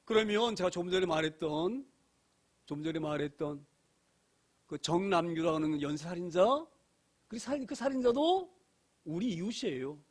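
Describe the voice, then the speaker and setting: Middle-aged male pastor, high voice, emphatic church sermon full of rhetorical questions and repeated phrases. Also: lively intonation, normal speed, long pauses. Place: church sanctuary.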